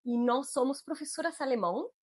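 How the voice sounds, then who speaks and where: A woman's voice: high voice, lively intonation, a little fast. A woman from Chile with a Chilean Spanish accent, chatting casually as a teacher co-hosting an educational channel. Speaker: German teacher and channel co-host.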